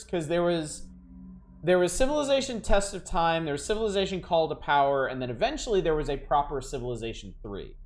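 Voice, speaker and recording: A man's voice: on the high side, darkish tone. A man streaming a video game, thinking aloud in a casual, wry way. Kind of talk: casual gameplay commentary. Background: faint game music.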